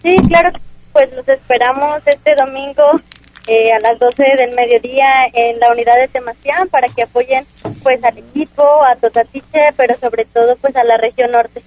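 A woman's voice: fairly high pitch, fairly even intonation, moderate pace, highs cut off, slight background noise. A Mexican woman in her twenties, a football player giving brief, polite answers in a phone interview. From Jalisco, Mexico. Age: 20s.

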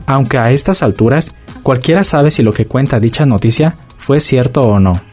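A man's voice: medium pitch, lively intonation, darkish tone, faint music behind. A man reading a scripted informative radio segment. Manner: measured, informative. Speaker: radio narrator. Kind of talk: scripted narration.

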